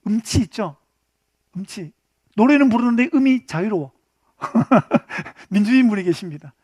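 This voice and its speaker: A man teaching a church Bible study class in an animated way, often putting questions to his listeners. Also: sits high, unhurried, slightly rough, no room sound, studio quality. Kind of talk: interactive Bible lesson.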